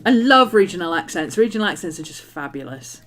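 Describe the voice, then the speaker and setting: Fairly low and fairly bright, her voice swings widely in pitch and runs a little fast. She's a middle-aged journaling streamer from England's West Country with a West Country and Manchester accent mix, crafting and chatting in a bubbly way with lots of ums and laughter, over faint background music.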